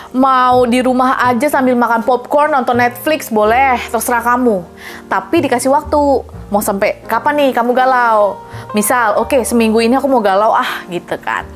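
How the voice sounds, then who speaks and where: A young woman coaching viewers in a casual Q&A monologue, chatty and encouraging, dropping English phrases into her talk. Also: on the high side. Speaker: manifestation coach.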